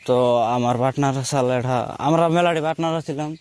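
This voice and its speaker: A young man speaking a rural Assam Bengali dialect tells stories from his own life in a fairly high, slightly mellow, clean voice at a quick pace. He rambles casually, circling back to repeat and rephrase things.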